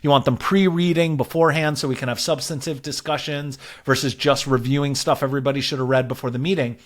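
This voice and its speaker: Speaking quickly in a steady, mid-range voice, a man who is a product and growth leader explains work concepts as an interview guest. He keeps it conversational and frequently checks in with "right?".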